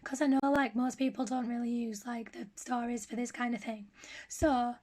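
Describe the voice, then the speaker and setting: A woman chats casually to her vlog, hoarse, her voice giving out and slipping into a whisper. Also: fairly high pitch, level tone, moderate pace, a little mellow. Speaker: vlogger. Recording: noisy handheld phone recording.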